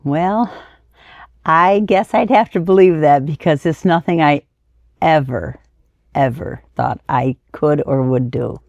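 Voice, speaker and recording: A woman's voice: sits low, takes it slowly, gravelly, darkish tone, no echo. Casting: plain-spoken woman, 60s, casual interviewee, close dry sound, a bit muffled. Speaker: auctioneer being interviewed.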